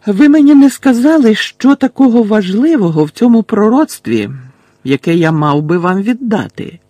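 A man's voice: high-pitched, expressive, moderate pace, dark tone, no room sound, pitched above the performer's own voice. A man voicing a defiant teenage boy wizard in an audiobook, speaking up boldly and stalling for time.

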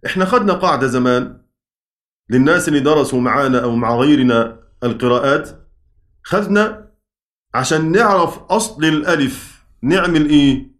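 An Egyptian man teaching a class, his voice sitting a little high. He keeps asking the students questions and answering them himself. He chants the verse lines slowly. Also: expressive, fairly bright tone. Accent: Egyptian Arabic. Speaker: Quran recitation teacher. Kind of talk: classroom lecture.

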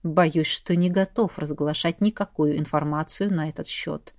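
A woman voicing a cold, mocking nobleman husband who speaks softly with false innocence. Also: low-pitched, a little fast, creaky, breathy edge, no echo, clean studio sound, voice pushed down, heavily acted. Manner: soft, falsely innocent and icy.

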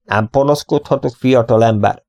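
A man's voice: medium pitch, a little mellow, dry recording, muffled recording, pitched above the performer's own voice, lightly acted. Man doing a deaf, mumbling old shepherd. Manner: mumbling, slow and grumbling.

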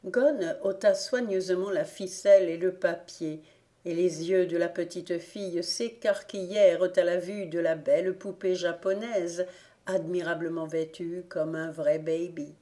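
A woman reading a children's story aloud in a gentle, measured way. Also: lowish voice, steady tone. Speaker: audiobook reader. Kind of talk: storybook narration.

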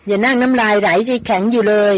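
A woman's voice: medium pitch, steady tone, fast talker, no room sound, close to an everyday voice. A woman reader voicing a teasing young man who mocks his companion in a jungle camp. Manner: teasing, mocking, laughing.

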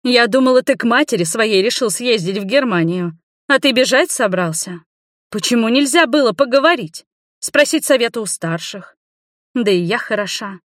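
A woman voicing a loud, domineering grandmother over eighty who scolds her family in a commanding, reproachful way. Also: fairly high pitch, very animated, moderate pace, dry recording, studio quality, voice pushed up. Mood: scolding.

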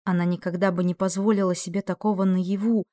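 A woman's voice: fairly low pitch, level tone, fast, mellow. A woman narrating a dramatic fantasy audiobook expressively, acting out the dialogue. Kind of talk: dramatic fiction reading.

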